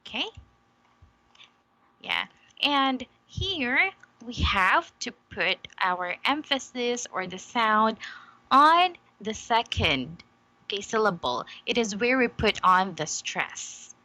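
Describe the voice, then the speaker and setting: A woman's voice: on the high side, big pitch swings, slow pace, pushed and bright, poor audio. A woman giving an online English demo lesson, patient and encouraging, checking understanding with frequent "okay?".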